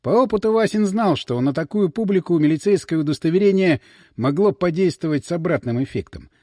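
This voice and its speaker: A man narrating an audiobook in an expressive, ironic storytelling manner. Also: on the high side, brisk, no echo, studio quality.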